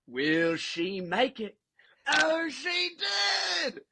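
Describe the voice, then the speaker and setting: A man putting on an excited, booming announcer voice in the style of a nature-show presenter. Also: very slow, creaky, very noisy, exaggerated voice. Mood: hyped. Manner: excited, booming play-by-play delivery.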